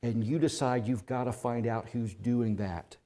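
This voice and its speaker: With a medium-pitched, steady voice and a somewhat slow delivery, a male pastor preaches, recounting a story addressed as "you." His volume rises from hushed to loud passages.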